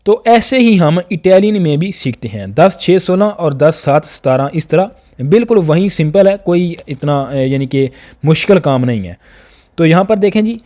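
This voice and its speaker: A man's voice: on the high side, expressive, moderate pace, darkish tone. A man teaching a beginners' language lesson, patiently repeating each word and drilling the class.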